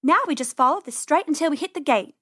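A plucky little girl rabbit, as a storyteller puts her on, pitched up high and taking charge. She speaks urgently and earnestly in a dry, close sound. A storybook sister playing the brave one. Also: lively intonation, fast, pushed and bright, dry recording. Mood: urgent planning.

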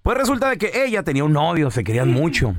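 A man's voice: fairly high pitch, sing-song, fast, dry recording, studio quality. A male radio host bantering and telling stories with slang in a teasing way.

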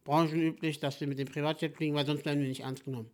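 A young man co-hosting a casual podcast, talking in an animated, jokey, rambling way. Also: a little high, rapid-fire. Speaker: podcast co-host. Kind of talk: casual chat.

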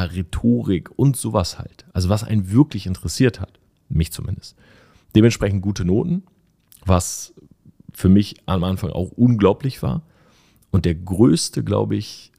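A man's voice: low voice, gravelly, mellow. A young man from northern Germany, a podcast host telling stories in a chatty, self-mocking way, with many fillers, acting out the people he quotes. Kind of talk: casual storytelling monologue.

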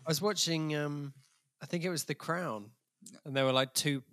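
A man's voice: a little high, normal speed, fairly bright tone, no room sound, clean studio sound. A man co-hosting a casual podcast, easygoing, laughing and answering briefly. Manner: easygoing, laughs, short replies. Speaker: podcast co-host. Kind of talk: casual chat.

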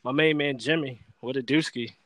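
A man's voice: mid-range voice, steady tone, moderate pace, fairly bright tone, no echo. A young man from Florida hosting a casual podcast, profane and laid-back, laughing often. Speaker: podcast host.

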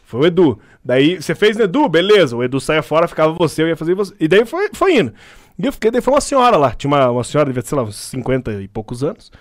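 A young man chatting casually on a podcast, telling a story with lively acted-out voices. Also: a little high, quick pace, dry recording, clean studio sound. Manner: animated storyteller, acts out voices.

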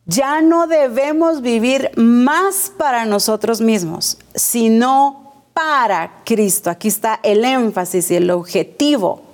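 Speaking slowly in a fairly high voice, a woman preacher delivers a sermon, stressing each phrase and circling back to repeat key words. She poses rhetorical questions to the congregation.

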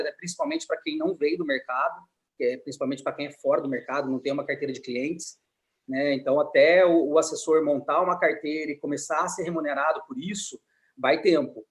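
Higher-voiced man with a Brazilian Portuguese accent. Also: brisk. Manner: hesitant, repeating words as he searches for phrasing. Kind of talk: casual explanatory talk on a video call. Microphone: video call microphone.

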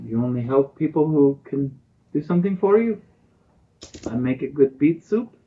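A wary older village woman with a blunt, pointed way of talking, as a game master puts her on. Her voice sits a touch higher than his usual low register. The recording sounds dull and lo-fi. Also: lively intonation, normal speed, a little hiss or hum, close to an everyday voice. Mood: tart.

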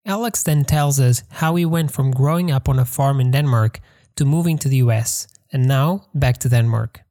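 Man hosting a podcast, mellow voice. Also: medium pitch, normal speed. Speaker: podcast host. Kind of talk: scripted podcast narration.

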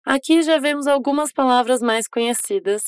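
A woman teaching English, explaining phrases and modeling them slowly for listeners to repeat. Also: high voice, smooth, no echo, clean studio sound. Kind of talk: language lesson narration.

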